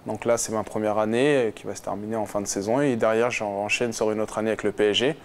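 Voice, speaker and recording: Here a footballer guest in his twenties talks at a quick pace, his fairly low voice steady in tone with a slight hiss or hum. Answering the interview questions, he sounds casual and hesitant, full of fillers and restarts.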